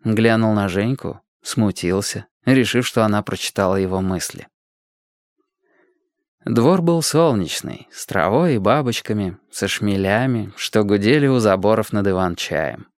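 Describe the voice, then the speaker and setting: A narrator reading a children's story aloud with expressive storytelling. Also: low-pitched, normal speed, hardly any pauses, dry recording, clean studio sound.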